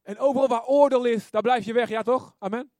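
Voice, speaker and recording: A man preaching a sermon in a lively way, often calling out amen and asking his listeners to agree. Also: extremely high pitch, a little fast, no echo. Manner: lively, often asks "ja toch?" and calls "amen".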